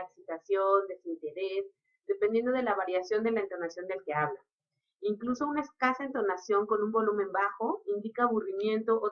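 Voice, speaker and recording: A woman giving a recorded lecture, explaining each point in an unhurried teaching manner. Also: medium pitch. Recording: dull lo-fi recording.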